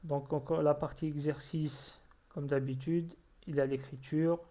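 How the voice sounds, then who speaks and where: Man teacher, slow and methodical, slightly high voice, patient repeats. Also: fairly even intonation, dark tone. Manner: patient, repeats words syllable by syllable. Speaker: Arabic reading teacher. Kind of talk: slow explanatory lesson.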